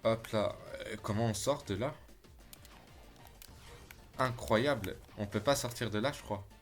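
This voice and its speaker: With faint music behind him, a man with a lowish voice speaks unhurriedly as he streams a game. He chats casually and excitedly with viewers, calling them "les gars," and curses when the gameplay annoys him.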